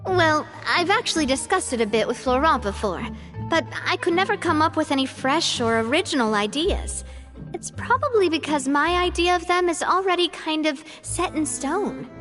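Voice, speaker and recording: An actress voices a cheerful young woman who leads her group in a game cutscene, sounding playful and self-deprecating. Her voice sits high and is animated, at a normal speed, with soft game music underneath.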